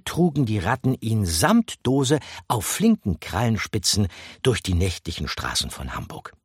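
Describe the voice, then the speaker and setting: Husky, expressive male storyteller. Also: on the low side, dry recording, clean studio sound. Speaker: audiobook narrator. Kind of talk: scripted narration.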